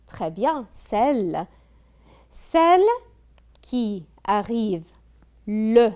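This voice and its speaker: A woman teaching a French grammar lesson, posing questions to her class and praising their answers. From Kuwait. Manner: slow, drawn-out teacher talk with lively pitch, prompting students.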